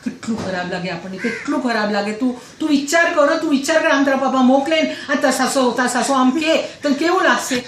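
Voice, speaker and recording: A woman's voice: sits high, fast, hardly any pauses, fairly bright tone. A woman playing a gossipy middle-aged housewife who complains about her in-laws, talking breathlessly and repeating herself. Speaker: comedian. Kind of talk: comic character monologue. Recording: roomy echoey recording, faint noise.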